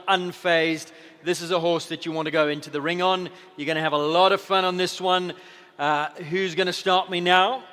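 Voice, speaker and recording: High, bright-voiced male auctioneer in a hall. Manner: repetitive, persuasive, salesman-like patter. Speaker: livestock auctioneer at a horse auction. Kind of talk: live auctioneering with chanted repeated bid calls. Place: indoor auction ring with a sound system. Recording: live PA in a large reverberant hall.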